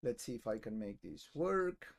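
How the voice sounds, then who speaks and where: A man's voice: medium pitch, big pitch swings, moderate pace, gravelly. Man telling a story in a talk. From Argentina. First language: Spanish. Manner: casual storytelling with frequent ums and restarts. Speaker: conference speaker. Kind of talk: conference talk.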